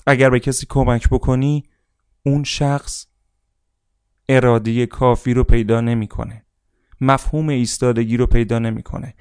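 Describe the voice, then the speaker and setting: A man giving a motivational seminar speech, emphatic and repetitive, often calling on listeners to repeat after him out loud. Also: medium pitch, level tone, clean tone, no room sound, studio quality. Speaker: motivational speaker.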